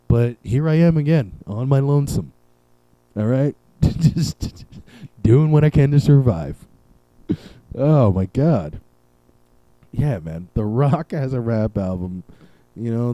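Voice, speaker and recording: A young adult man hosts a solo comedic podcast, ranting in a sarcastic, rambling style with lots of swearing. His voice is medium-pitched and mellow, recorded with a camera and podcast mic; the audio is poor but has no echo.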